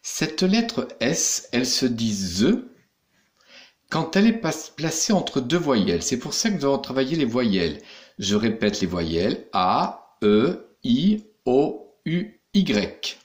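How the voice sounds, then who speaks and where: A man teaches young children at an unhurried pace and walks through every step with patience. His voice rises and falls in a lively way to keep their attention. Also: medium pitch. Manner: slow, patient, spelling out each step. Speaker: primary school teacher. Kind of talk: recorded remote lesson instructions for young pupils.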